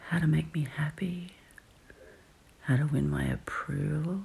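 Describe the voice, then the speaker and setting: A woman in an intimate whispered role-play as a dominant, doting lover, breathy and coaxing, right in the listener's ear. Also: deep voice, a little mellow, a little hiss or hum. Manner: slow, coaxing, sultry. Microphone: very close microphone.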